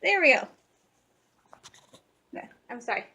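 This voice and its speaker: A woman's voice: high-pitched, sing-song, a little slow, sharp tone. A woman in her late twenties chatting casually to the camera from her room at home, rambling and giggling, with lots of fillers. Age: late 20s. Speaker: vlogger.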